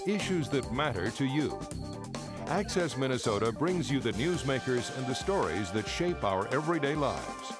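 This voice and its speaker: A man's voice: medium pitch, big pitch swings, normal speed. Polished male announcer over music. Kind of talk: program intro voice-over.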